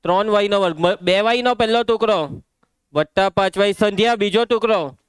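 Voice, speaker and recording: A young man with a Gujarati accent teaching a maths class, working through problems briskly, quizzing pupils by name and telling them to settle down. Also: high voice, clear, resonant tone, dry recording. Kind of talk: live classroom lesson.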